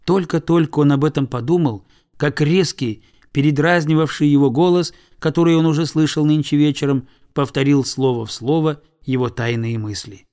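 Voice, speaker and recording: A man reading a storybook aloud with calm, measured narration. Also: fairly high pitch. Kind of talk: audiobook narration.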